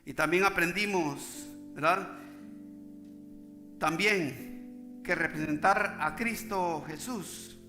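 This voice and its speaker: A man's voice: high voice, takes it slowly, long pauses, pushed and bright, roomy sound, soft background music. A man preaching a sermon as pastor, speaking emphatically and often checking in with the congregation.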